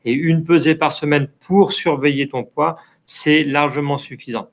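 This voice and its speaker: French man hosting a live chat, gravelly. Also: fairly high pitch, steady tone, moderate pace, muffled recording. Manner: friendly, many hesitations and "euh" fillers. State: dry throat. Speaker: online community manager hosting a live chat. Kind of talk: casual live-stream chat, reading out viewer comments.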